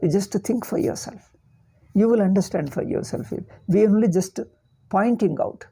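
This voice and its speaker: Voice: mid-range voice, normal speed, creaky, mellow, slightly rough. An older spiritual teacher with a South Indian accent gives an informal religious discourse, repeating words and phrases for emphasis.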